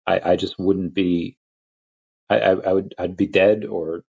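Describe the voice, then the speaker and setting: A man's voice: sits low, steady tone, a little slow, gravelly, breathy edge. Rambling young man on a lo-fi stream. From Peru. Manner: rambling, restarts often, laughs between thoughts. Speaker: crypto livestream host. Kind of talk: casual livestream chat. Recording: lo-fi dull audio.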